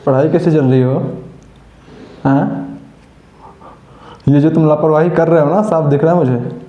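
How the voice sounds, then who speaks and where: Male coaching teacher, warm higher voice, roomy echo, scolds and motivates. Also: steady tone, measured pace, muffled recording. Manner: scolding and coaxing students with rhetorical questions. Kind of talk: motivational classroom talk.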